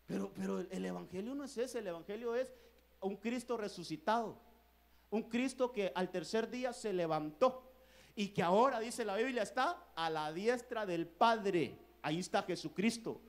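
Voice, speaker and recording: A pastor delivers a sermon to his church in a notably high voice for a man. He speaks earnestly, calls his listeners brothers again and again, and builds louder and slower on his main points. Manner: earnest preaching, repeating "hermano" often.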